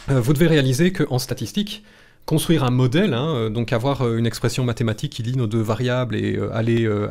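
Close to the mic in a small room at home, a Belgian French-accented man in his thirties explains statistics step by step during a casual live session. His tone is chatty, reassuring, jokey, and casually blunt, delivered in a slightly mellow mid-range voice.

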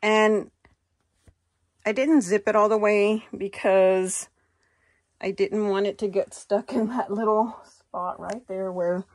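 Filming on a handheld phone inside a small walk-in closet, a middle-aged fashion vlogger with an American accent chats loosely with viewers about a clothing haul and try-on. She speaks slowly at a medium pitch in a steady, somewhat dark tone, and the sound is studio quality with no room noise.

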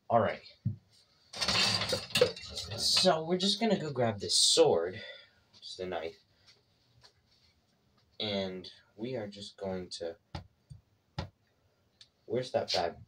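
Joking male cooking vlogger, loud noise. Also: lowish voice. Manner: joking, self-mocking asides. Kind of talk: casual cooking vlog.

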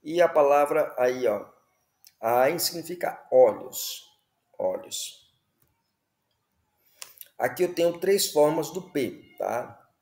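A man's voice: a little high, lively intonation, unhurried, darkish tone, roomy sound. A man teaching the Hebrew alphabet, patiently repeating words and checking in with listeners. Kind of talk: slow classroom explanation.

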